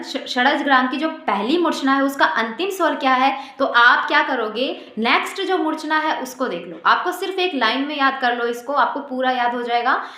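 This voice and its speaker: Bright high-voiced woman teaching. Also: reverberant. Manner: explains step by step, recites note names in sequence. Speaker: music teacher. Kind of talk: exam-prep music lesson.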